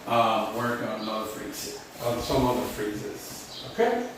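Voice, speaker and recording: A man teaching English phrases at a whiteboard, switching between English and Spanish and repeating each phrase slowly several times. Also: on the low side, lively intonation. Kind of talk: bilingual whiteboard lesson. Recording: roomy, distant mic, faint background hum.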